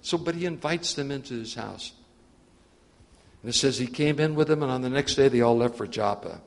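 A man's voice: medium pitch, brisk, vocal fry, big-room sound. A male preacher reading scripture aloud and retelling it with his own asides in a sermon. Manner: reads scripture, then acts it out with asides.

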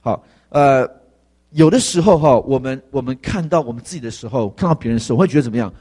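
A man's voice: medium pitch, lively intonation, fast talker, warm tone, husky. A man preaching a sermon, telling a story and asking the congregation rhetorical questions, with frequent fillers.

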